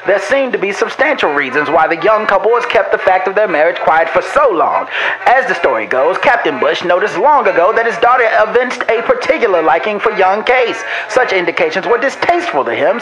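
An actor reading an old newspaper report in a formal, old-fashioned announcing manner. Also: male voice, high-pitched, big pitch swings, fairly quick, over music, rough recording.

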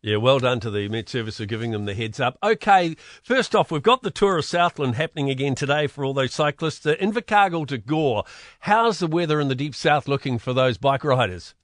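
A man's voice: mid-range voice, expressive, a little fast, fairly bright tone, no echo, studio quality. A man with a New Zealand accent hosting a conversational radio interview in an informal, matey way. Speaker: radio host.

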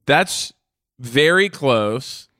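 A man's voice: mid-range voice, animated, very slow, pushed and bright, dry recording, studio quality. A man co-hosting a comedy podcast, eagerly pushing the bits along in improv banter.

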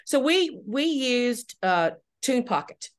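A middle-aged woman who writes and directs audio dramas answers questions as a podcast guest. She speaks slowly in a fairly high voice with big pitch swings, sounding enthusiastic and emphatic, and she often repeats herself.

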